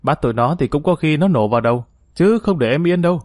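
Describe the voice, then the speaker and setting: Brief: excitable young sidekick in an audiobook, read by a man, eager and boastful, dry sound. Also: on the high side, fast, no room sound, close to an everyday voice.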